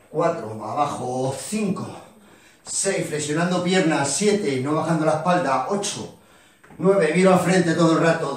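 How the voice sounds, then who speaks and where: A man leads a workout class, counting each rep and encouraging everyone, sometimes short of breath. His voice sits a little high and moves at an unhurried pace. He sounds distant the microphone in a roomy, echoing sports hall with faint noise. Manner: counting reps aloud, encouraging, out of breath at times. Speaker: fitness instructor. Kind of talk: leading an exercise class. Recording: echoey gym hall, voice from off the mic.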